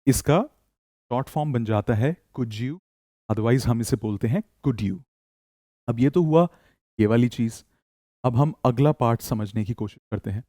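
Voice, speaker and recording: A man teaching spoken English in Hindi, reading model sentences slowly for learners to repeat and praising them often. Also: medium pitch, dark tone, no echo, clean studio sound.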